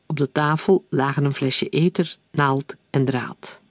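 Male audiobook narrator, slightly high voice, calm, even delivery, dry close recording. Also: a little slow, dry recording.

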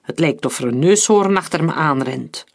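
A man voicing a cold, terse middle-aged male industrialist in an audiobook, with a husky voice. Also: on the high side, expressive, moderate pace. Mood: curt. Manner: terse and commanding.

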